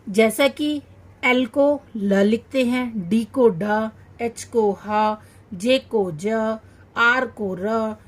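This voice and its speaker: A woman with a slightly high voice teaches children a phonics lesson, sounding out each syllable slowly and repeating every word.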